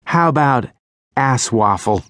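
Deadpan tough female cop played by a male narrator, a few steps above his own pitch, close and dry. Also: takes it slowly, no echo. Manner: blunt and deadpan. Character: sharp, unimpressed young woman cop. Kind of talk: audiobook character voice.

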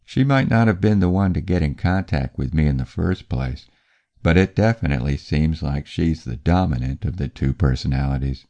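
A man reading first-person audiobook narration in a measured, even way. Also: very deep voice, highs cut off.

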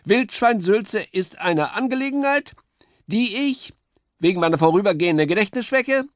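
A man's voice: high voice, animated, normal speed, no room sound, studio quality, pitched above the performer's own voice. A man voicing a fussy, forgetful male woodpecker in a children's audiobook, talking pompously. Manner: pompous, chattering.

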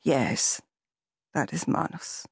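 A woman narrator doing an older village man in this audiobook, speaking gravely and slowly. The voice drops deep and sounds slightly breathy, heard dry and close. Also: dry recording. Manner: slow, grave, measured.

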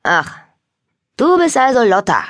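A woman's voice: on the high side, normal speed, dry recording, studio quality, pitched above the performer's own voice, natural voice. Woman doing a cheeky, suspicious boy. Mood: wary, cheeky. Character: mischievous, suspicious boy cousin.

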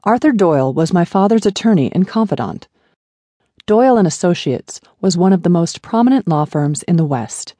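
A woman narrating a first-person memoir audiobook in a measured, even storytelling manner. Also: lowish voice, no echo, studio quality.

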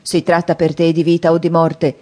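A woman reading an audiobook, voicing a menacing, hungry male convict who makes loud threats. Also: low-pitched, completely flat delivery. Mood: threatening. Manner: loud, threatening, drawn-out demands.

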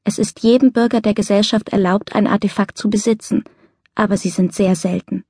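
A woman narrating a novel in the first person, in soft, measured storytelling. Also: medium pitch, fairly even intonation, no room sound, studio quality. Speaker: audiobook narrator.

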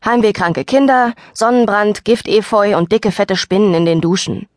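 A woman's voice: mid-range voice, normal speed, no echo, studio quality, voice pushed up, natural voice. A woman playing a gossipy teenage girl. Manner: chatty and teasing. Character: gossipy, teasing teenage girl best friend. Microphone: dry studio microphone.

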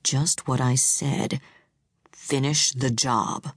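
A woman narrator voicing a cold, controlling young husband who talks low, slow and flat. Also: husky, dry recording, clean studio sound, full character voice.

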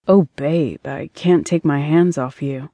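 A man's voice: on the high side, measured pace, dark tone, no room sound, muffled recording. A woman voicing a casual, commitment-shy young boyfriend in an audiobook, with a breezy, evasive way of talking.

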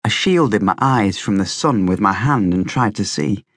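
A man narrating an audiobook in a plain, steady storytelling way. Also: fairly low pitch, normal speed, no room sound, studio quality.

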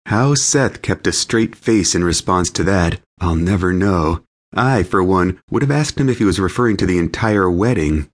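Guy reading an audiobook, first person, amused and expressive, lowish pitch. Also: normal speed. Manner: lively, amused storytelling. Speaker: audiobook narrator.

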